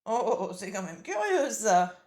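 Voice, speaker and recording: A woman's voice: mid-range voice, big pitch swings, measured pace, a little mellow, voice pushed up. A woman doing a frail chatty old granny. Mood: doting. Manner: chatty, with little laughs. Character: frail, tired old grandmother, kind and chatty. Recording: roomy echo.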